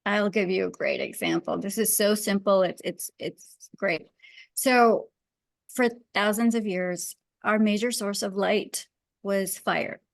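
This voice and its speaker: Her mid-range voice slow and touched with vocal fry, a woman from Pakistan speaks as a guest expert on wellness and design. The interview audio has no echo, and she explains her ideas earnestly and emphatically in a conversational way.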